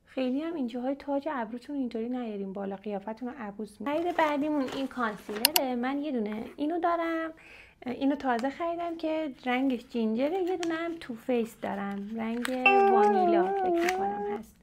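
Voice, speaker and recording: A woman's voice: sits high, background noise. A young woman from Iran chatting casually to viewers while testing makeup. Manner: chatty, animated, addresses viewers directly. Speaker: beauty vlogger. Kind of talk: casual makeup unboxing chat. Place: at home, seated in front of camera.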